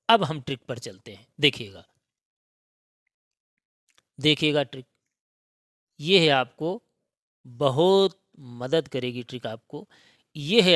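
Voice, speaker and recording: A man's voice: fairly high pitch, fairly bright tone, no room sound, studio quality. A man teaching a grammar lesson for exam preparation, drilling the sounds by repetition and checking often that students follow. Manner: slow, repetitive drilling, frequent check-ins.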